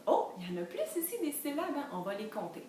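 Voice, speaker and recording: A high, lively woman reading a picture book to little kids. She half-sings the refrains and slows right down to spell out each sound. She is recorded from a distance in a very echoey room with faint noise behind. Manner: animated, sing-song storytelling, slow and spelled-out letter by letter. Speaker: children's librarian reader. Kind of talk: enriched read-aloud for toddlers with phonics teaching.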